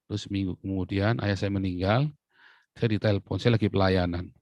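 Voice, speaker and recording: Middle-aged male pastor, low-pitched, joking sermon storyteller, dry mic. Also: fairly quick, no echo, dull audio. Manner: lively, joking storyteller who laughs often. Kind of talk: sermon with personal anecdotes.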